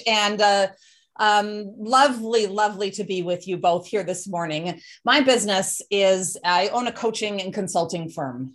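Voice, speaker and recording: A woman guest on an interview show, explaining her coaching and consulting firm in a polished, organized way. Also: mid-range voice. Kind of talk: conversational interview answers.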